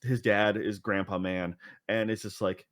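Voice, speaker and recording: A man's voice: on the low side, level tone, measured pace, fairly bright tone, dry recording, studio quality. A man co-hosting a podcast, chatting casually and rambling with lots of fillers and restarts. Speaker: podcast co-host. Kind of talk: casual chat.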